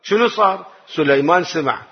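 Husky Iraqi man teaching scripture. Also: on the high side, brisk. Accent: Iraqi Arabic. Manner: animated, asks rhetorical questions and answers them. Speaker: religious teacher. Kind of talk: Quran exegesis lesson. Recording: dull lo-fi recording.

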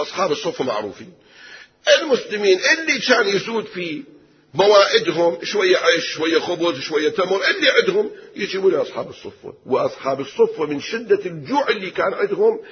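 Animated preacher telling a story dramatically. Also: male voice, high voice, long reverb tail, lo-fi sound, a little hiss or hum. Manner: dramatic, acts out dialogue, swings loud and soft. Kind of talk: sermon storytelling.

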